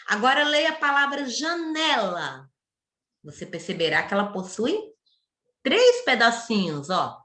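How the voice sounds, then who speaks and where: A primary school teacher leads an online class for young children, slowly and patiently breaking words into syllables. Her bright, slightly high voice is very animated and rises and falls a lot as she guides them, in an echoey room.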